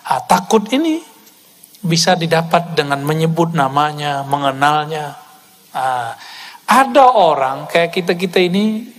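A male preacher delivers a sermon with animated energy, tossing rhetorical questions at his listeners and slipping into casual asides. His voice sits on the higher side for a man. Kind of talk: religious sermon to a live congregation.

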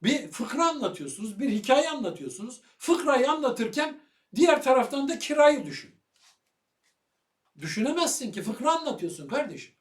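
A man giving heated video commentary on religious matters, loud and fiery, firing rhetorical questions at his listener. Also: very high-pitched, sing-song, moderate pace, echoey room, recorded from a distance.

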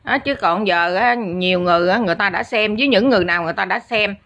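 A woman's voice: medium pitch, fast talker, fairly bright tone, muffled recording. A woman delivering a blunt, scolding rant as an online commentator, peppering every phrase with "á". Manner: scolding, blunt, repeats filler "á" constantly. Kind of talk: angry ranting commentary.

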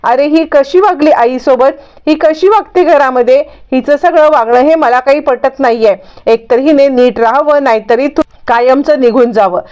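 A woman voicing a scheming, bossy middle-aged woman who scolds in a slow, stern, hectoring way, on a dull lo-fi recording. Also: sits high, darkish tone, close to an everyday voice. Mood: scolding.

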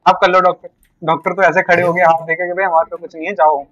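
A man's voice: high voice, flat delivery, fast talker, fairly bright tone, no echo, lo-fi sound. A young man from India, a streamer joking and pleading his way through a roleplay scene. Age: young adult. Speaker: streamer playing a roleplay character. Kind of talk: casual roleplay banter.

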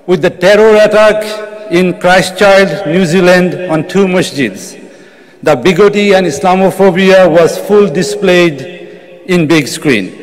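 A middle-aged man giving a formal welcome speech from a podium microphone in a large convention hall. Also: sits high. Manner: reads a prepared address at a podium.

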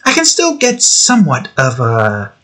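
His medium-pitched voice swoops wildly, with a sharp tone and a slightly slow delivery. The young art video creator keeps up rambling self-talk while drawing, sometimes experimenting with voices, captured by a desk mic in a small home room.

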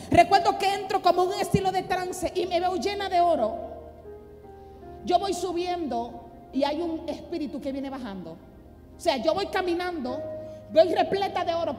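A woman pastor preaching a sermon, telling a personal testimony with dramatic, impassioned delivery that builds to loud exhortation. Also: extremely high pitch, moderate pace. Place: church congress hall. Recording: reverberant hall with music underneath.

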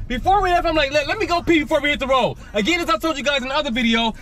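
A man's voice: extremely high pitch, rapid-fire, pushed and bright. A man in his thirties vlogging his gig deliveries from inside his car, hyping himself up with little rhymes and calling everyone baby. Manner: hypes rhymes, keeps saying baby. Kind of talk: casual ride-along vlog. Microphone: dash camera facing driver.

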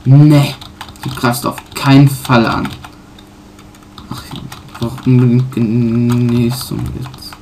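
A man casually commenting on his own playthrough, pausing often with fillers and correcting himself. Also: medium pitch, flat delivery, darkish tone, slight background noise. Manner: halting, many fillers and self-corrections. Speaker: let's player.

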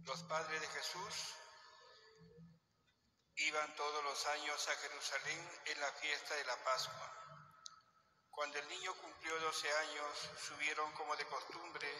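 A man speaking as a priest at Mass, reading scripture and preaching in a solemn, measured way with a cathedral echo. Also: fairly high pitch, pushed and bright. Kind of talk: liturgical gospel reading and homily. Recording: cathedral-like echo, long reverb, noisy background.

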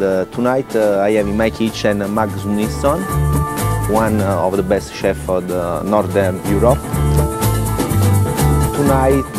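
A man with an Italian accent, a chef describing his dish in halting English with many fillers. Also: on the low side. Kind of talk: interview. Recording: music clearly behind.

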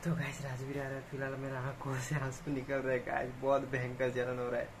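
A man from Assam, India, chats to his vlog audience in a very flat, even voice. A clear background hiss runs under his talk. His pitch sits in the middle of the male range. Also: brisk. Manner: flat, chatty, asks viewers for likes. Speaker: vlogger. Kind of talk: casual vlog address to viewers.

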